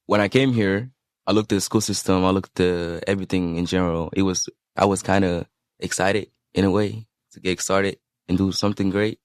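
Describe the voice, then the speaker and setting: A man's voice: deep voice, fairly even intonation, fairly quick, no room sound, studio quality. A teenage boy from Sudan, interviewed for youth radio, speaking in an earnest, reflective way. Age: teens.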